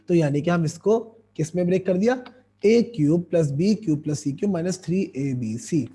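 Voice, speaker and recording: Man, math teacher, hoarse, husky, fairly high voice, step-by-step questioning. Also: animated, a little slow, pauses often, mellow. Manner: explains step by step with repeated questions to students. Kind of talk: online math lesson.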